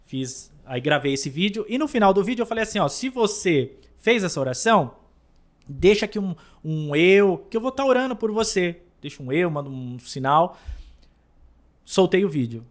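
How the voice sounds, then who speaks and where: A man with a slightly high voice shares a personal faith testimony as a guest. His telling is animated: he jumps up in pitch and loudness, then drops to near-murmurs, and he often stumbles over repeated words. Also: moderate pace.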